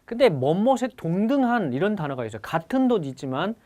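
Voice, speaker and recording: A man giving a recorded exam-prep vocabulary lecture, his voice sitting a little high and swinging up and down with lots of life. He repeats each key English word slowly and deliberately, and his Korean explanations often trail off quietly. He keeps turning to address his students directly. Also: sing-song.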